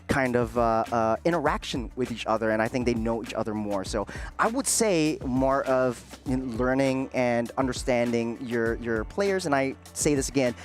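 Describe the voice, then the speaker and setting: A man's voice: mid-range voice, expressive, normal speed, few pauses. A man breaks down an esports match on an analyst desk. He thinks aloud with frequent filler sounds. Faint music plays behind him. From Singapore.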